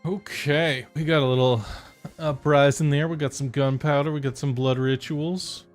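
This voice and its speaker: A man's voice: on the high side, fairly even intonation, moderate pace, soft background music. A man hosting a game with friends, laughing often and switching into dramatic narration. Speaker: game host. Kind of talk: narrating and chatting over a game.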